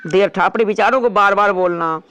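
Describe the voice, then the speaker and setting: A male teacher runs a vocabulary lesson in a high voice. He repeats each word several times and reads the English examples slowly, stressing every word. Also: sharp tone, clean tone, no echo, muffled recording.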